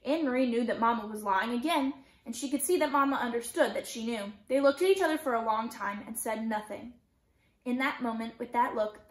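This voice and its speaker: A woman teacher reads a novel aloud, keeping a steady, gentle storytelling pace. Her voice sits a little high. The recording has a roomy echo.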